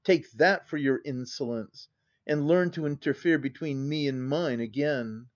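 Guy doing a loud drunk bully of a gentleman, barking orders, kinda high-pitched, muffled lo-fi sound. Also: measured pace, close to an everyday voice. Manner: loud, harsh, barking commands.

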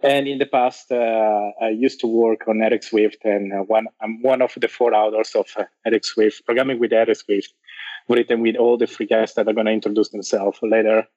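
A man from Brazil, a guest on a podcast, speaking casually with many pauses. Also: on the low side, steady tone, a little mellow, highs cut off. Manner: hesitant, many uhs. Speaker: guest author.

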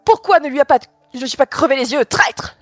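A woman's voice: high-pitched, animated, a little slow, no room sound, soft background music, voice pushed up. A woman voicing Baba Yaga, a cruel old witch in a storybook tale, coaxing and sly. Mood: furious.

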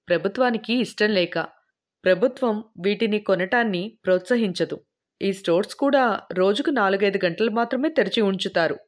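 A woman's voice: medium pitch, lightly acted. A woman reading a chatty man who explains everyday life abroad in a matter-of-fact way, as in an audiobook.

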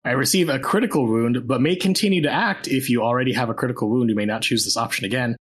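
A man's voice: mid-range voice, fast talker, husky. A man playing a tabletop game, joking and reading out rules in a slangy, playful way. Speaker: player. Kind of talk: casual tabletop play.

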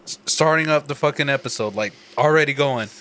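A man co-hosting a podcast in casual chat, throwing in quick slangy reactions and swearing as he laughs along. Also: fairly high pitch, a bit bright. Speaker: podcast co-host.

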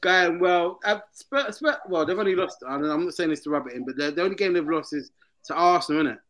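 A man's voice: on the high side, quick pace, fairly bright tone. A man with a London roadman accent hosting a casual football chat, slangy and often repeating his phrases. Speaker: football show host. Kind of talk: casual banter.

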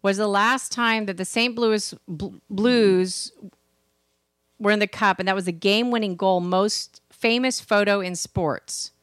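A woman's voice: medium pitch, measured pace, a bit bright, dry recording, clean studio sound. A woman with a Boston accent co-hosting a talk show in casual sports banter.

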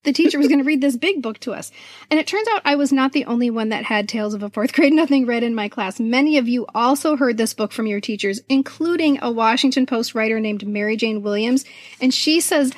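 A middle-aged American woman, a children's author who co-hosts a podcast, tells childhood stories casually and expressively. Her fairly high voice moves a little fast, and the studio sound is clean with no echo.

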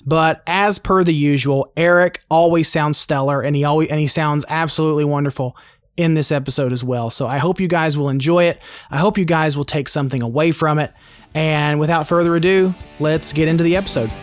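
Guy in his 30s chatting as podcast host, lightish higher pitch, really dry audio. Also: fairly even intonation, fairly quick, no echo, soft background music. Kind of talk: casual conversational podcast talk.

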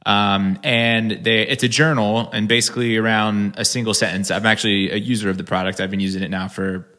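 A man's voice: fairly low pitch, flat delivery, brisk, bright, forceful tone. A man hosting a casual podcast interview, upbeat and asking easy questions. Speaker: podcast host.

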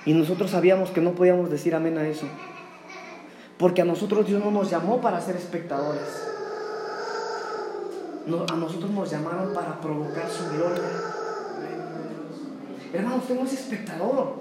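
A man's voice: high voice, normal speed, pauses often, background noise. A man preaching a fervent sermon in a church, calling his listeners "brother" again and again. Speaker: pastor. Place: church sanctuary. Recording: roomy church echo.

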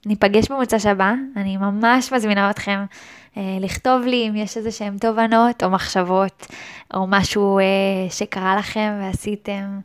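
Hosting her podcast alone, a woman speaks at medium pitch in a steady, clean tone. Her monologue is reflective and hesitant, often restarting as she thinks aloud.

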